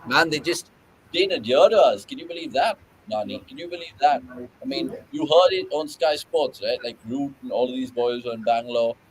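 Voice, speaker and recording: A man's voice: mid-range voice, fairly quick, rough recording. A young man with a British accent hosts a live online cricket watchalong. He is chatty and easygoing, reacting to boundaries as they happen and putting viewer questions to his co-hosts.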